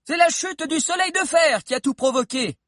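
A shrill shouting boy, Solario. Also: lively intonation, moderate pace, no echo, clean studio sound. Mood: triumphant. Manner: shouting, very high strained child voice. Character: exhausted soot-covered boy bringing news of peace.

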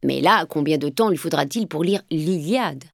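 A woman's voice: deep voice, animated, normal speed, creaky, dry recording, studio quality, full character voice. A woman voicing a stern, cold middle-aged father who speaks in curt, disapproving lines.

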